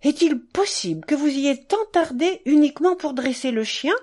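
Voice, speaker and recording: A woman's voice: high voice, lively intonation, normal speed, warm tone, pitched above the performer's own voice. A woman reading the part of an earnest young man who speaks with mild reproach. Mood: reproachful.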